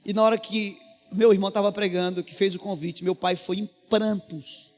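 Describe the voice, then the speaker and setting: A man's voice: sits high, little pitch movement, moderate pace. A Brazilian man preaching a sermon, telling a personal story in an earnest, conversational way. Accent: Brazilian Portuguese. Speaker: pastor. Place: church. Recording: reverberant church hall with music behind.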